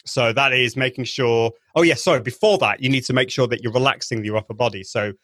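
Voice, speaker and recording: Bright-voiced man explaining eagerly. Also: medium pitch, fast talker, no echo. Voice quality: trained singing voice. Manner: enthusiastic, explanatory, many restarts. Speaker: guest, live video trainer. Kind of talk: interview over a call.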